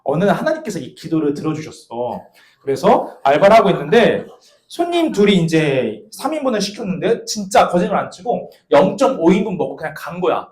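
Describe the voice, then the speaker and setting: A man in his thirties preaching a sermon, telling a personal story in a playful, animated way and speaking straight to young listeners. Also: high-pitched, a little fast. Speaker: pastor. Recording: echoey church hall.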